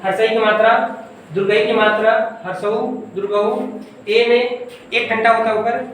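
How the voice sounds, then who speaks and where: A woman's voice: a little high, flat delivery, moderate pace, a little hiss or hum. Woman, grammar teacher, classroom lesson, asks and answers her own questions, very echoey room, far from the mic. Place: coaching classroom.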